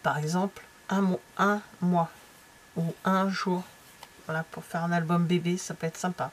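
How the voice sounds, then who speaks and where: A middle-aged French woman, a home craft vlogger, chats casually while flipping through a stamping catalogue. She is chatty and hesitant, full of fillers and trailing asides, sometimes dropping to near-whispers. Her lowish voice has little pitch movement at a moderate pace, with a faint hum in the background.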